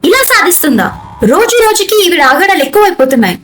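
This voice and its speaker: A woman's voice: very high voice, sing-song, fast talker, a bit bright, echoey room, a little hiss or hum, full character voice. A young woman playing a put-upon daughter-in-law who chats to the audience and turns sweet with a sly edge. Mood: annoyed. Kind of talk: amateur family comedy skit.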